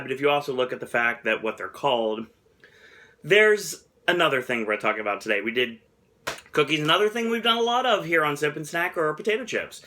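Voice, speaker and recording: The host of a casual snack review vlog rambles in a mid-range, sharp-toned voice, chuckling often and poking fun at himself.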